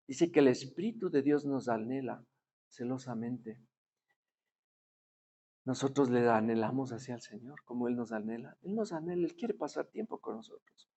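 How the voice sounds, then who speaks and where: On a dull, lo-fi recording, a man with a dark, mid-range voice preaches in a conversational style. He repeatedly invites his listeners to agree and voices the people in the stories he tells.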